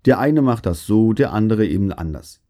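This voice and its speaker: A grumbling, fault-finding old master craftsman who can't stop scorning everything he sees, as a storyteller puts him on. He talks low and dark, half under his breath, a storybook grouch. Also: animated, normal speed, close to an everyday voice.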